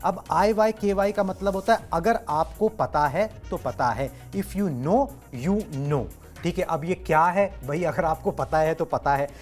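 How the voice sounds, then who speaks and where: A man hosting a sports talk show, speaking in a conversational way with drawn-out filler pauses. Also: a little high, faint music behind.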